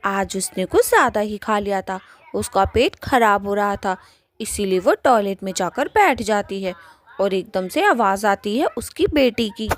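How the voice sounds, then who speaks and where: A woman's voice: mid-range voice, animated, moderate pace. A woman narrating a cartoon story in a plain storytelling way.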